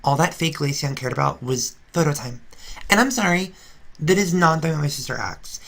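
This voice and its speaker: A woman's voice: deep voice, animated, moderate pace, gravelly, heavily acted. A woman voicing a brash, gossipy female Flareon reality star, ranting sarcastically in a confessional-style fan drama. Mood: indignant. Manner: indignant, sarcastic ranting with restarts.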